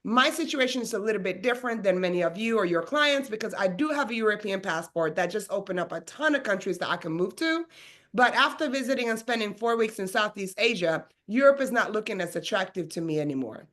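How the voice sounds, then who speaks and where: A Swedish woman who works as a realtor and business coach hosts a webinar over a video call, casual, upbeat and chatty. Her medium-pitched voice is animated, quick and fairly bright.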